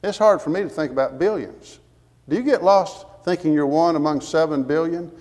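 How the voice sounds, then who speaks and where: Male preacher, earnest and emphatic sermon delivery, voice a bit high, long hall reverb. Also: moderate pace, a little mellow. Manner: earnest, emphatic, quotes scripture with references.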